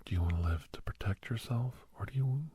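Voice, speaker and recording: A man plays a calm, earnest doctor who counsels a young werewolf for an ASMR role-play, his fairly low-pitched voice hushed, breathy and often whispered. He keeps a slow, reassuring manner throughout, captured on a dry recording.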